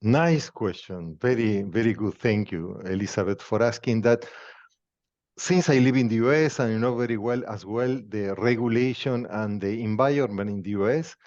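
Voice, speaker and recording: Man, Argentine Spanish accent, podcast host, measured pausing speech, dull lo-fi call audio. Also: fairly low pitch, a little mellow. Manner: measured, non-native phrasing with pauses. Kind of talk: conversational interview.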